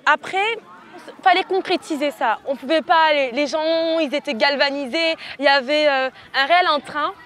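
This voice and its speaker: A teenage student activist leader from French Guiana answers interview questions outdoors with passion and rhetorical flair, repeating phrases. Her voice is high-pitched and a bit bright, at a normal pace.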